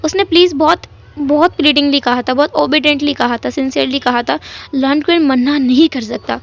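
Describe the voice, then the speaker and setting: A woman's voice: high-pitched, brisk, creaky. A woman narrating a fan fiction story in a chatty, emotional retelling style. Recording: dull lo-fi audio.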